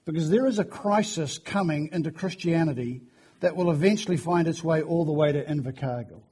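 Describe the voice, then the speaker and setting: Hoarse fifty-something preacher, high voice. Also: male voice, fairly quick, warm tone. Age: 50s. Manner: chatty, self-deprecating storytelling. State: hoarse from flu. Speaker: guest preacher. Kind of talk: sermon. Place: church.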